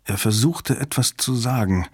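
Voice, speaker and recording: A man narrating a thriller audiobook in a steady, measured way. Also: mid-range voice, breathy edge, no echo, studio quality. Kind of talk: scripted narration.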